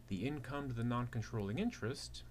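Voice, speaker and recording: Speaking fairly quickly in a mid-range voice, a man acts as a teaching assistant explaining a worked problem one step at a time. He uses rhetorical questions, and typing on a keyboard sounds through clear background noise.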